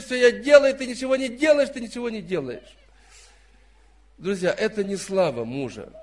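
A man in his fifties preaching a sermon, emphatic, dropping to soft asides and then rising to loud stressed phrases. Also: sits high. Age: 50s.

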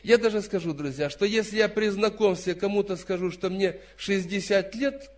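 Emphatic high-voiced male preacher in his fifties. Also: fairly even intonation, normal speed. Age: 50s. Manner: emphatic, swings between soft asides and loud stressed phrases. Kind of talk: sermon.

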